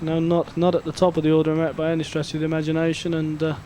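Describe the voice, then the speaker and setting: A man gives live golf commentary as an analyst, in a fairly high voice with little rise and fall. His phrasing is conversational, and outdoor noise is clearly heard behind him. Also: monotone, rapid-fire, mellow.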